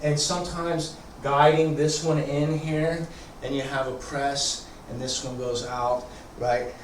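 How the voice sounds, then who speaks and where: A man teaching tai chi informally, thinking aloud haltingly as he demonstrates, with a congested throat. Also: mid-range voice, flat delivery. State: throat congested, often clearing it. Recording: echoey room, distant mic, background noise.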